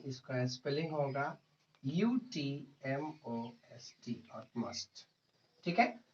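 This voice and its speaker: A man teaching English grammar in a slow classroom explanation, repeating words, spelling them out letter by letter and answering his own questions. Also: a little high. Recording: distant, dull lo-fi mic.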